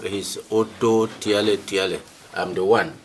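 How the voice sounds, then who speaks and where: A man with a lower voice introduces his delegation at a meeting, in a lightly humorous yet earnest way. A faint hiss lies under the recording. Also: fairly even intonation, a little slow. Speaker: delegation head. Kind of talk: formal self-introduction.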